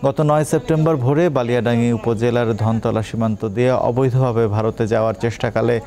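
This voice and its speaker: A man reading a scripted news bulletin as presenter, in a brisk, formal delivery. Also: mid-range voice, fairly even intonation, mellow.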